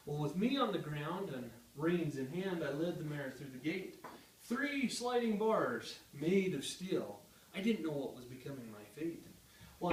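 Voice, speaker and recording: Animated cowboy poet with a Western twang, echoey. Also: male voice, fairly high pitch, slight background noise. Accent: Western American. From Utah, United States. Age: 30s. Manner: animated, dramatic delivery. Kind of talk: recited rhyming cowboy poetry, storytelling. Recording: echoey room, distant microphone.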